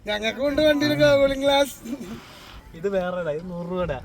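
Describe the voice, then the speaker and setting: A man's voice: very high voice, animated, fairly quick, crowd noise. A man chatting casually outdoors on the water. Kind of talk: casual chat. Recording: noisy outdoor recording on water.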